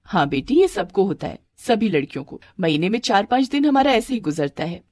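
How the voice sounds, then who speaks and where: Brief: a loving mother, read by a woman, calm, reassuring, steady middle pitch, dry close sound. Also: fairly quick, dry recording. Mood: tender.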